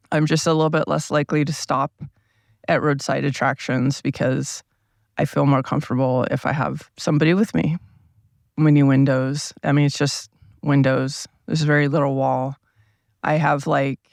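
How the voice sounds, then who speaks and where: A man with a gravelly, groggy morning voice rambles through a casual solo podcast, seated at a table in a parked RV. His pitch sits a touch high for a man but hardly moves, and the sound is close and dry with no room around it. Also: no echo. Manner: meandering, relaxed, thinking aloud with many asides. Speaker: podcast host. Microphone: small mic powered by a tablet.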